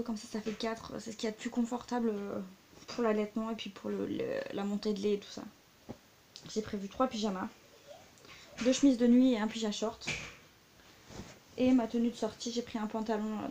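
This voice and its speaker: A woman's voice: on the high side, vocal fry, dark tone, a little hiss or hum. A young adult woman chatting casually in a show-and-tell vlog, full of fillers and side remarks. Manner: chatty, many fillers and asides. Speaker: vlogger.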